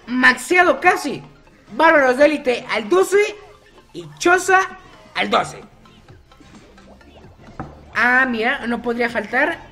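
High-voiced guy narrating gameplay. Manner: chatty, teasing opponents by name, quick shifts in loudness. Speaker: gaming YouTuber. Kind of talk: live gameplay commentary.

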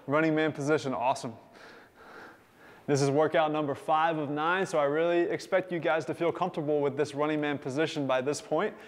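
Male fitness instructor, slightly higher voice, upbeat and encouraging, coaching a workout class. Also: steady tone, brisk. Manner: upbeat, encouraging, counting down time.

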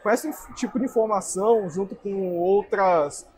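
A man's voice: high-pitched, moderate pace, a little mellow, slight background noise. A young man, earnestly explaining marketing as an interview guest at a fair booth. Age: young adult. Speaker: guest speaker. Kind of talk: interview answers. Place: indoor trade fair booth.

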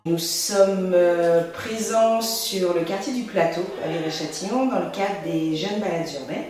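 A woman's voice: fairly low pitch, unhurried, music in the background. Woman speaking with hesitant fillers. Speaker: youth employment adviser. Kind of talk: interview answer. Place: indoors in front of a pink backdrop. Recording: echoey room.

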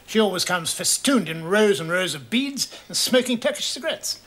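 A man's voice: high-pitched, expressive, moderate pace, a bit bright. An actor playing a blustering, pompous upper-class father in a sitcom, with studio audience laughter. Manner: pompous, indignant. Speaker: aristocratic father. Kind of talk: 1990s studio sitcom acting.

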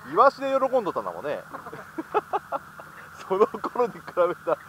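A man with a ribs his friend in a laid-back way and laughs often as he hands out fishing advice. His voice is bright, and his pitch swings widely from word to word. Faint wind and boat noise hang in the background. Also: huge pitch swings, fairly quick. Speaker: experienced angler coaching a friend. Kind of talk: casual chat. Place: deck of a fishing boat at sea.

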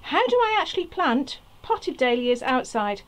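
A woman's voice: high voice, sing-song, moderate pace, rough recording. Chatty woman in a greenhouse. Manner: chatty, thinks aloud while working. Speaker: allotment vlogger. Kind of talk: casual gardening vlog. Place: small greenhouse on an allotment. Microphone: camera on a tripod nearby.

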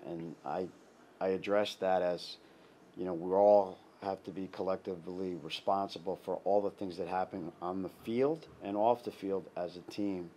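A middle-aged man, a head soccer coach, giving a halting post-game interview full of restarts and fillers. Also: low voice, dark tone, a little hiss or hum. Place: indoor press backdrop. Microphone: clip-on lapel mic.

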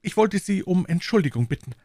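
A man's voice: high-pitched, animated, brisk, warm tone, no echo, clean studio sound, pitched above the performer's own voice. A man voicing an anxious, apologetic young male assistant with a flustered, pleading manner, in an audiobook reading.

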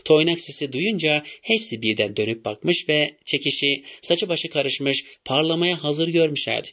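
A man narrating a novel as an audiobook in a measured storytelling manner. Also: on the high side, pushed and bright.

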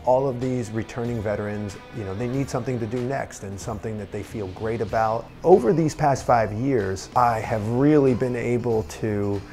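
A man's voice: mid-range voice, normal speed, hardly any pauses, warm tone, faint music behind. A man who founded a veterans' coaching program, speaking earnestly and evenly in a documentary interview.

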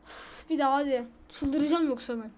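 A woman YouTuber giving casual commentary while playing a mobile game, excitable and prone to frantic repeated complaints. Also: sits high, moderate pace. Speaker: gaming YouTuber.

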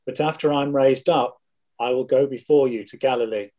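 A middle-aged man reading the part of a solemn teacher, Jesus, in a measured, declamatory way for a dramatized scripture reading. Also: mid-range voice, fairly even intonation, warm tone, lightly acted. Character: Jesus, solemn adult male teacher foretelling his betrayal. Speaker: scripture reader.

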